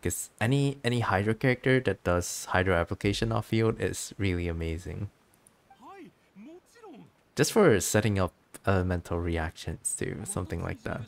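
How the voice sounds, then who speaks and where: Speaking at normal speed with some vocal fry, a low-voiced game streamer narrates the on-screen action casually. It feels like chatty, giggly, laid-back commentary for an audience.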